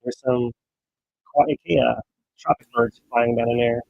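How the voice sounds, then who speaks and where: A man's voice: medium pitch, steady tone, a little slow, vocal fry, no echo, dull audio. A man co-hosting a volcano update livestream, chatting loosely over eruption footage while his remote microphone sounds garbled and underwater. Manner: loose, rambling narration with restarts. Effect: garbled underwater-sounding bad microphone connection.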